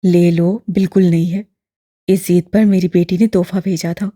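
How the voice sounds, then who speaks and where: A woman's voice: lowish voice, moderate pace, no echo, clean studio sound, pitched below the performer's own voice, natural voice. A woman voicing a kindly old imam. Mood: gentle. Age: older. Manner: steady, balanced, fatherly tone. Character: kindly elderly male mosque imam, calm and patient.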